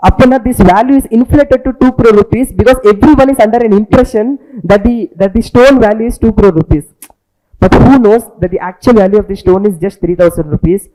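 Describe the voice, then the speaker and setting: A man teaches informally in a Tamil accent, his voice high and rather mellow. He talks at a very rapid pace, explains through stories, and repeats himself, often adding short questions to check he is understood. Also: rough recording. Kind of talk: informal lecture with storytelling, mixing English and Tamil.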